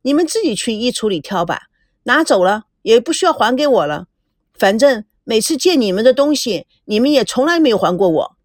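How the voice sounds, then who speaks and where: Woman voicing a high, boastful rich schoolgirl for a storybook; dry close sound. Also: very animated, a little fast, no room sound. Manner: boastful, bossy, generous. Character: proud rich teenage girl, show-off.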